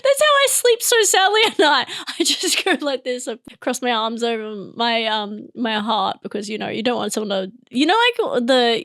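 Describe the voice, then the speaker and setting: This is a high-pitched Australian woman in her young adult years, talking straight into a close, dead-dry mic. She rambles through a comedy monologue, giggling at her own bits and chopping her sentences short to jump to the next idea. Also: creaky, a bit bright, no room sound. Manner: giggly, self-interrupting, jumps between bits. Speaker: comedy podcast host.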